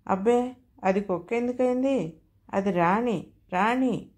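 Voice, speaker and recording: A woman reading the part of an eager young bachelor friend in a storybook, speaking in a hushed, murmuring way. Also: on the high side, slow pace. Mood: nervous. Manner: hushed, whispering in the ear.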